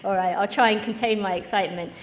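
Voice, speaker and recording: A woman's voice: medium pitch, steady tone, fast talker. A woman hosting a live conference session, chatty and self-mocking. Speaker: event host. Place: conference room with live audience.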